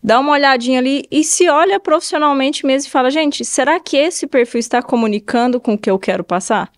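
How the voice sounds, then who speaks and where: A woman with a Brazilian Portuguese accent speaks as a hairdresser guest on a podcast. Her voice sits fairly high. She hands out practical tips in an animated, conversational way and slips into her clients' voices when she quotes them. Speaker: guest, hairdresser and updo stylist. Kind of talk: casual advice-giving interview talk.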